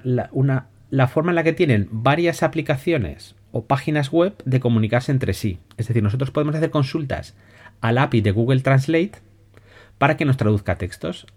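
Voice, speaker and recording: A man with a Spain Spanish accent talks through educational software on his podcast. His delivery is loose and conversational, with frequent restarts and a habit of checking in with listeners. His pitch sits in an ordinary middle range. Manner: relaxed, conversational, many restarts and "¿vale?" checks. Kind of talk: casual spoken explainer.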